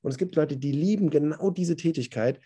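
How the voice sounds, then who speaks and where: A man's voice: on the high side, fairly quick, warm tone, husky. A man who works as a business coach, talking casually in a podcast chat in a blunt, emphatic and colloquial way.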